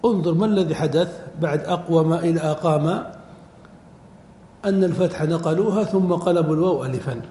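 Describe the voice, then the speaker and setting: A middle-aged man teaching Arabic word forms in a classroom lecture, quizzing his students and repeating each form slowly. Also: fairly high pitch, warm tone. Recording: echoey hall recording, faint background noise.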